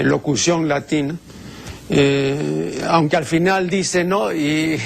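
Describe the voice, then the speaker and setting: Pedantic older man, gravelly. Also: high voice. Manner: strict, pedantic, with many hesitations. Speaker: TV language commentator answering viewers. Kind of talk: talk-show segment answering viewer questions.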